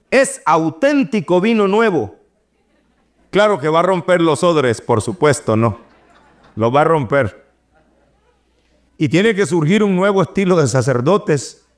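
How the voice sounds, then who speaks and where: A middle-aged man, preaching an animated sermon and acting out the voices he quotes. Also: on the high side, takes it slowly, pauses often.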